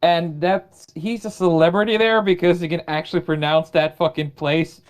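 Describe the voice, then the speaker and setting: A man's voice: fairly high pitch, fairly even intonation, moderate pace, clear, resonant tone. Guy on a podcast call, teasing and self-mocking, casual chat. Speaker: podcast co-host.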